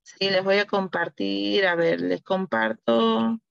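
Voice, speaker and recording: A woman's voice: medium pitch, fairly even intonation, gravelly, dry recording, muffled recording, faint music behind. A woman teacher giving an online class, patiently demonstrating and often checking in with her listeners. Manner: patient, repeats words slowly and checks in with "¿no?". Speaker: teacher trainer.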